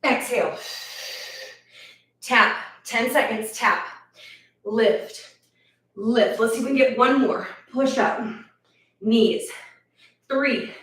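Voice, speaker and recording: A woman leads a workout, out of breath as she counts reps and cheers people on. She talks slowly, in a slightly high voice. The sound is roomy and echoing, with her standing back from the microphone. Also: fairly bright tone. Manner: encouraging, counts reps aloud. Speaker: fitness instructor. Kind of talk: live workout instruction. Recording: echoey room, voice from a distance.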